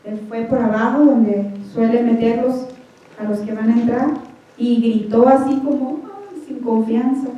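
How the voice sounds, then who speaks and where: A woman's voice: on the high side, flat delivery, unhurried, dark tone. A woman preacher giving a fervent sermon in a church hall, often calling out to the congregation. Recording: echoey hall, voice from far off, dull sound.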